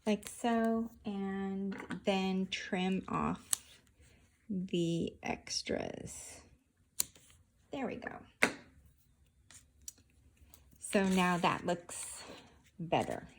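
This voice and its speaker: A woman's voice: mid-range voice, lively intonation. A woman hosting a casual craft tutorial, talking through each step of her handiwork as she goes. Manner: unhurried, narrating each hand movement as she works.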